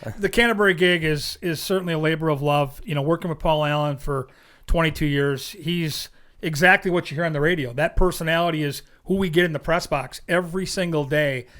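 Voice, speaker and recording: Male guest analyst, bright forward tone, a touch high, anecdotal. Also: brisk. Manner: chatty anecdotal. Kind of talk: interview storytelling.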